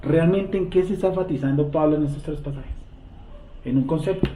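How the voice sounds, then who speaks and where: A man with a slightly high, mellow voice speaks briskly as he teaches a Bible lesson, often posing rhetorical questions to the class and answering them himself. The recording is tinny and echoey, from a distant mic, with a little hiss or hum.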